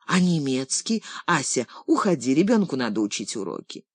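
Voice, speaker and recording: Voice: medium pitch, very animated, moderate pace, slightly rough, dry recording. Stern old grandmother, curt scolding, sceptical, read by a narrator, audiobook character, dry close sound. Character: strict, sceptical elderly grandmother.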